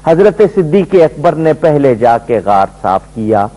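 A middle-aged religious scholar gives a devotional lecture on a television studio set, telling a story emphatically. His sing-song, mellow voice swoops high and low, and the recording sounds muffled.

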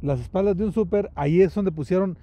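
Guy hosting outdoors, mellow tone, a bit high, faint traffic behind. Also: fast, distant mic. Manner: chatty, frequent restarts and tag questions. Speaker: host, former band member revisiting an old venue. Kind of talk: casual on-location chat.

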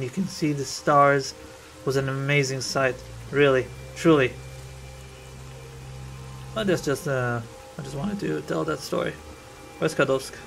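A man's voice: on the high side, vocal fry, fairly bright tone. A man from Israel, rambling through casual gameplay commentary as a streamer and thinking aloud.

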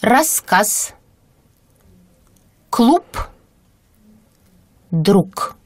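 Woman reading single words, slow and lilting. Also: mid-range voice, sing-song, a little mellow, no room sound. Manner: clear deliberate enunciation of single words. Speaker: native-speaker model reader. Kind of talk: slow careful word-by-word reading.

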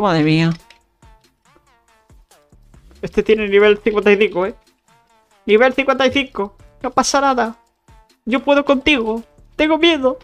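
A woman with a Spain Spanish accent giving casual, playful commentary while playing a video game, teasing enemies and talking straight to her viewers. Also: mid-range voice. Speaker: gaming YouTuber.

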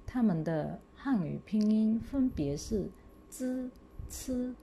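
A woman teacher from Malaysia, reading example words slowly and clearly for pupils to repeat. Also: mid-range voice, expressive, dark tone, a little hiss or hum. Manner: slow, drawn-out model reading for pupils to repeat. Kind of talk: slow classroom pinyin lesson.

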